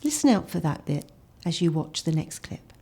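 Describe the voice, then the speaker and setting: A woman narrating a teacher training video in a calm, measured scripted read. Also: deep voice, vocal fry, husky.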